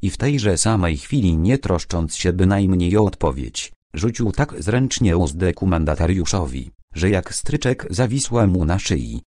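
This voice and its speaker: A male audiobook narrator reads with a deep, low voice and a dark, mellow tone. His delivery is steady and measured, and the recording is dry and close with no room sound. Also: no room sound. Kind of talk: scripted narration.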